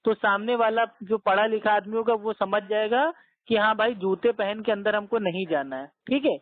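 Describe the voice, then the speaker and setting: A man's voice: high voice, normal speed, dry recording. A man talks steadily through a tinny, phone-like line, his voice dry and close with no room around it. He argues his case patiently, stacking up simple everyday examples to make his point. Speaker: debater questioning the other caller. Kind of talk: religious debate over a phone call.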